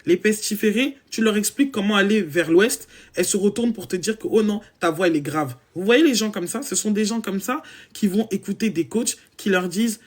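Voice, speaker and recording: Blunt woman with a low voice. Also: brisk. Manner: blunt, mocking, mixes English phrases. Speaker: women's coach. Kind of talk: casual monologue to listeners.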